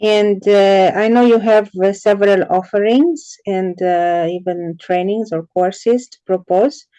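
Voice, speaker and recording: A woman interviewing a guest in a casual online conversation. She asks measured, curious questions with frequent pauses. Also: medium pitch, steady tone, mellow, no room sound, poor audio.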